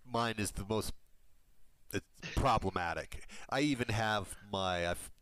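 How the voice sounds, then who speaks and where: A man running a tabletop game over voice chat as game master, musing through his rulings with low-key restarts. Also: unhurried, fairly bright tone, clear, resonant tone. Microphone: home headset or desk mic, level jumping.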